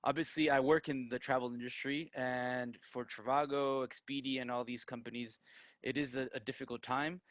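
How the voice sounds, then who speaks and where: Often checking in with "right?", a digital marketer gives an informal online presentation as a guest. Peruvian-born but raised in the United States, he has an American accent and a medium-pitched, fairly bright voice, steady in tone and at normal speed, recorded dry.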